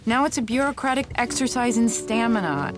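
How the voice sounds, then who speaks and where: A woman's voice: fairly high pitch, expressive, brisk, music in the background, close to an everyday voice. A woman playing an anxious wife hoping to adopt, who keeps apologizing and talks herself through things in an audio drama. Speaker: wife preparing for an adoption home visit.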